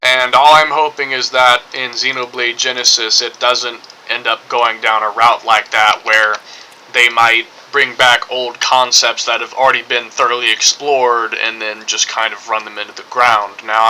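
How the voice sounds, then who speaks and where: Man, very bright forceful voice, casual gaming commentary, repetitive and hedging, faint background noise. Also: mid-range voice, fairly even intonation, moderate pace, rough recording. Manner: hedging, repetitive, circling back over points. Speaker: gaming streamer. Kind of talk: casual rambling game commentary.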